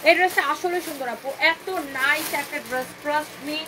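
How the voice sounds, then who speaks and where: At a moderate pace, a woman sells clothing on a live stream with a chatty, repetitive pitch. She slips in English phrases and banters with what viewers comment, and background noise can be heard.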